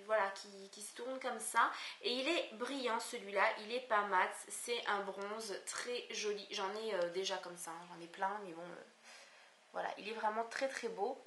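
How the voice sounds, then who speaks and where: A woman with a Southern French accent talks through a beauty haul, her slightly high voice full of fillers and restarts. She is recorded on a camcorder microphone in an echoey room at home. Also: a bit bright, slight background noise. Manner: hesitant, many fillers and restarts. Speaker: beauty vlogger. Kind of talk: casual haul video chat.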